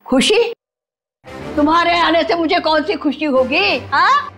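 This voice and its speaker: A shrill, deaf old mother. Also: expressive, measured pace, faint music behind, heavily acted. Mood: comic scolding. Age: older. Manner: loud, scolding, comic mishearing. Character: hard-of-hearing feisty old mother, mishears. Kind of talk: TV crime drama acting.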